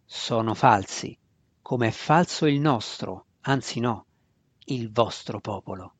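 A man voicing a young male dark elf warrior, defiant and grave, speaking low, slow and with calm menace. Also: slightly rough. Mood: scornful.

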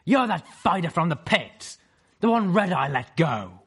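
A man voicing a cold, dismissive female griffin commander who speaks flatly. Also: fairly high pitch, measured pace, creaky, slightly rough, pitched above the performer's own voice, full character voice. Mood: cold, curt. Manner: flat and curt.

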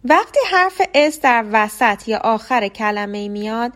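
A woman hosting a podcast lesson, explaining English pronunciation in a clear, scripted way and slowing down to model example words. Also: a little high, expressive, a bit bright. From Iran.

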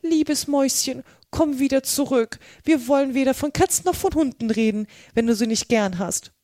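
A woman reading a storybook and voicing a curious, polite little girl in a raised, girlish pitch. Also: moderate pace, darkish tone, dry recording, clean studio sound, natural voice. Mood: pleading.

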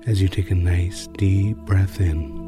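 A man narrating a guided sleep story in a soothing, hypnotic manner, with long pauses between short phrases. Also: sits low, fairly even intonation. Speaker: sleep podcast host and narrator. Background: new-age music.

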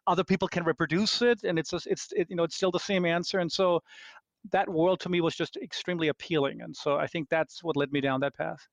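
A middle-aged man from Austria, a scientist guest giving reflective answers, halting and restarting as he thinks. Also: on the high side, steady tone, vocal fry, no echo. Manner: thoughtful, halting with many restarts.

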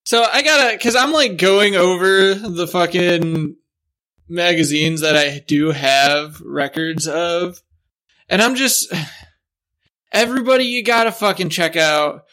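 A man's voice: high-pitched, slow pace, bright, forceful tone. A man hosting a skateboarding show, chatting casually, swearing and laughing. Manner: laid-back, swearing, laughing. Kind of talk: casual chat.

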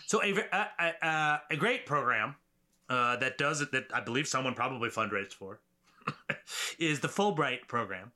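A man's voice: medium pitch, animated, normal speed, sharp tone. A man hosting a podcast interview in a casual, joking way, often laughing at his own remarks. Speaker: podcast host.

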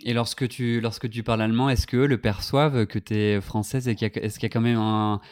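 A man hosts a casual interview, asking questions in a measured, hesitant way. His voice is low and smooth. The sound is dry and close. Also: level tone, a little mellow, no echo. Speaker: podcast host.

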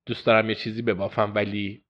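A man voicing quiet, guarded woman prisoner. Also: lowish voice, level tone, highs cut off, natural voice. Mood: firm. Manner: quiet, evasive.

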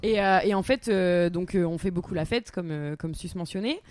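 A woman's voice: lowish voice, a little mellow, no echo. A woman co-hosting a podcast, teasing her friends and telling a travel anecdote in casual chat. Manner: quick, teasing interjections. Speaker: podcast co-host.

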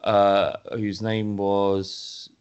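A man's voice: lowish voice, level tone, extremely slow, darkish tone, smooth, highs cut off. A man interviewing someone in an informal, conversational and slightly hesitant way.

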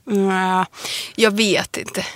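A woman's voice: mid-range voice, level tone, a bit bright, no echo. A woman in her forties with a Borås Västergötland accent, a podcast guest chatting casually, self-mocking and often laughing. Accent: Borås Västergötland Swedish. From Sweden, Västergötland. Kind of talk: casual chat.

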